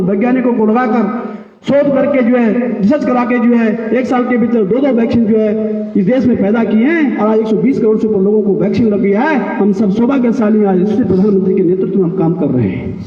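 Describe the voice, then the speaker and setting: A male politician giving a declamatory speech to villagers outdoors, with rhetorical questions and repeated phrases, through a PA system. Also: very high-pitched. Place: outdoor public gathering. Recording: echoey loudspeaker sound from far off, muffled.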